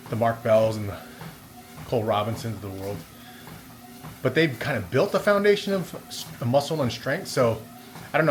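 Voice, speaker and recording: Faint treadmill noise sits behind a man with a medium-pitched voice. He is walking as he records a casual vlog, musing in a loose, rambling way and often trailing off mid-thought. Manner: talking while walking on a treadmill. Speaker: vlogger. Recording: steady background noise of treadmill. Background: treadmill and room noise.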